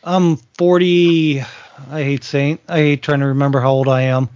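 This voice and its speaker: A Virginia man in his forties co-hosts a podcast, chatting casually and rambling, often restarting his sentences. His medium-pitched, darkish voice is delivered flat at a moderate pace, and the sound is lo-fi.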